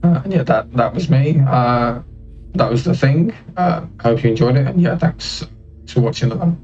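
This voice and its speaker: A man's voice: mid-range voice, moderate pace, darkish tone, lo-fi sound, faint music behind. A man speedrunning a game and chatting casually in a modest, self-deprecating manner. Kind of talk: casual chat while playing. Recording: distant mic, faint background noise.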